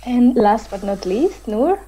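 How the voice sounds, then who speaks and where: A woman's voice: a little high, sing-song, a little slow, dark tone, low-quality recording. A woman hosting an online panel discussion over a video call, chatty with many fillers. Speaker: host.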